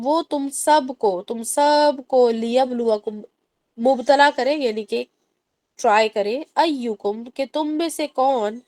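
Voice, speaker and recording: A woman's voice: on the high side, darkish tone, dry recording. Woman teaching Quran recitation. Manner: explains in Urdu mixed with English, slow drawn-out Arabic recitation. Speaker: tajweed teacher. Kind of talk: online Quran recitation lesson.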